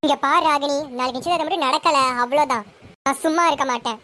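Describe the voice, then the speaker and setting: A woman's voice: sits high, fast, sharp tone. An actress playing a scheming, vengeful woman in a TV serial, speaking in a threatening way. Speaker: scheming elder sister figure. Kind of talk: TV serial acting.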